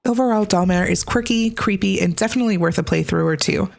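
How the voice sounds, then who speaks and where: A woman's voice: medium pitch, fast talker, gravelly, a little mellow. A woman hosting a scripted game review, with a conversational, opinionated delivery. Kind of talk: scripted video review narration.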